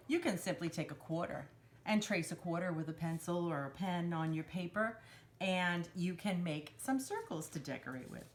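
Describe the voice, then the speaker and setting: A woman hosts a children's storytime craft, walking young kids through each step in simple instructional phrases and referring to herself in the third person. Her voice is lowish with a fairly bright tone. A little hiss or hum is audible.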